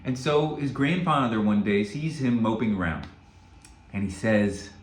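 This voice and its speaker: A man's voice: lowish voice, lively intonation, a little slow. Earnest man teaching in an echoey room. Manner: earnest, storytelling, frequent "right?" check-ins. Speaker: self-help coach. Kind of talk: spoken motivational teaching with a story.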